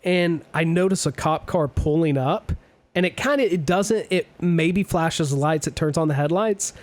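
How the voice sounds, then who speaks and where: A young man hosting a podcast, telling a story to friends in a lively, profane way and acting out what people said. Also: on the high side, moderate pace. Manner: animated storyteller, swears a lot, acts out quotes. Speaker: podcast host. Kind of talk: casual storytelling among friends.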